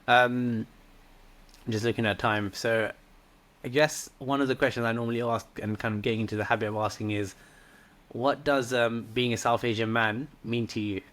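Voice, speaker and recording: A man hosting a podcast interview, asking thoughtful questions in a measured way with frequent fillers. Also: mid-range voice, steady tone, a bit bright. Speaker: host, men's coach.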